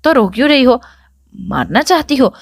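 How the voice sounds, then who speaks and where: A woman's voice: high voice, animated, creaky, no echo, studio quality, exaggerated voice. A woman voicing a grief-stricken young man, a loving brother who pleads tearfully in anguished outbursts. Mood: tender.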